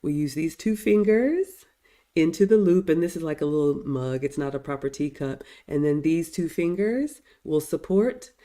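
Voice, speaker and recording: A middle-aged woman who hosts livestreams and teaches etiquette chats casually while answering viewer comments, warm and mellow yet animated, at normal speed. Her low voice has a slightly raspy edge since she is still getting over a cold.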